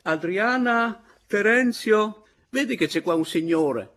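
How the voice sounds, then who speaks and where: A man reading an audiobook, voicing a flustered, apologetic old man of about sixty who fusses and calls out loudly. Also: medium pitch, big pitch swings, moderate pace, creaky, slightly rough, pitched above the performer's own voice, full character voice. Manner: apologetic, fussing, calling out loudly.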